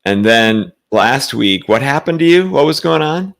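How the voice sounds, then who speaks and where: A man's voice: mid-range voice, animated, unhurried, gravelly, fairly bright tone. A man co-hosting a casual spiritual talk show, chatting playfully and laughing often. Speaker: podcast co-host. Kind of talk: casual chat. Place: traveling, currently in a temporary location.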